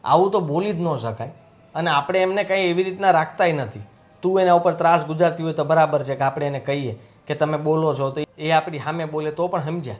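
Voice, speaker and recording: Brief: a high-voiced, indignant husband, played by a man who takes his wife's side. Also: a little fast, faint music behind, natural voice. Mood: aggrieved. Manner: indignant, scolding. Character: young husband siding with his wife against his mother. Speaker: son and husband. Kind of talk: family drama acting.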